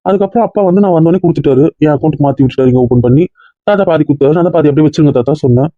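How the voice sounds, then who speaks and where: A man's voice: fairly high pitch, very fast, no room sound, natural voice. A man playing a hot-tempered young groom. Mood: defiant. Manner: defiant, argumentative. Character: stubborn young groom, quick to anger. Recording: muffled lo-fi sound.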